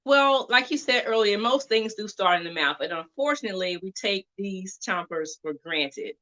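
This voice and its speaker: A woman as a dentist guest on an interview. She is chatty and lively, quick to laugh. Her voice has a bright ring. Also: mid-range voice, dull audio. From Atlanta, Georgia. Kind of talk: casual interview.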